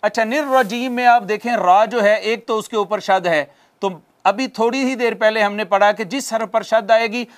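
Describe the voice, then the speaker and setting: A man's voice: sits high, normal speed. A man teaching a tajweed lesson, patiently explaining pronunciation and drawing out recited words for students to repeat. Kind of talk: slow spoken tajweed lesson with recited examples.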